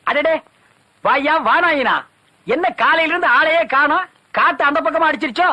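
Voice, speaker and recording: Smug ex-village-president type, sarcastic, really bright and high. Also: male voice, moderate pace, full character voice. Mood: mocking. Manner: mocking, sarcastic banter. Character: boastful rival ex-village-president man. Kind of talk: film comedy dialogue.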